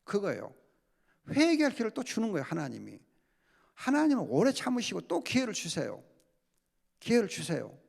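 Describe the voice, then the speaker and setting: Animated gravelly Korean pastor teaching. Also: male voice, sits high, normal speed, pauses often. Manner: lively, acts out quoted complaints and prayers. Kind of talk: Bible study sermon.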